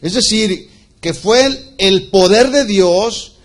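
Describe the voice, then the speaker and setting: A man's voice: high voice, takes it slowly. A male pastor preaching a Bible-study sermon, explaining word meanings and asking the congregation questions.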